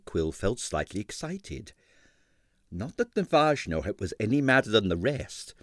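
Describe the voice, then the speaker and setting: An audiobook reader, male, narrates a comic detective novel with measured, dramatic storytelling and emphatic phrasing. His voice sits on the low side, and the studio-quality recording has no echo.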